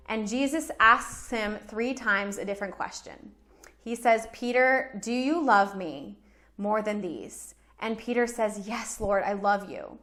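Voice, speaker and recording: A woman teaching a children's Bible lesson with enthusiastic, expressive storytelling. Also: a little high.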